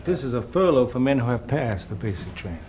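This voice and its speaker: An actor playing a stern army officer in a war film, formal and authoritative. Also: male voice, mid-range voice, big pitch swings, fast talker, darkish tone, slight background noise, close to an everyday voice. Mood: official.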